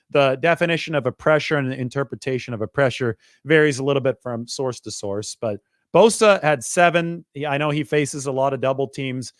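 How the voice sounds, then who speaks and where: A man's voice: mid-range voice, no room sound, clean studio sound. Man breaking down football stats. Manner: quick, stat-heavy, conversational. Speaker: sports reporter. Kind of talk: sports analysis monologue.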